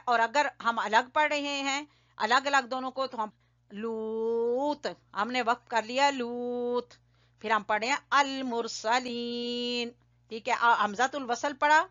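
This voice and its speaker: A woman teaching Quran recitation, patiently explaining step by step, checking understanding and slowly chanting examples. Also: on the high side, bright, forceful tone. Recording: dull lo-fi audio.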